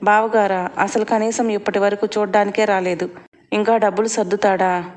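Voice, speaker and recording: A woman's voice: medium pitch, little pitch movement, normal speed, darkish tone, close to an everyday voice. A woman voicing a worried, weary sister-in-law. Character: worried tearful adult woman, sister-in-law in money trouble.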